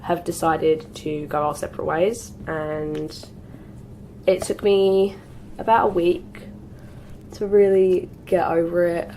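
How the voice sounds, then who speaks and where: Speaking slowly in a fairly low, dark-toned voice with fairly even intonation, this twenty-something British woman narrates her makeup as a beauty vlogger getting over a cold. The get-ready-with-me chat is full of "like" and "um" fillers, and the low-quality recording has slight background noise.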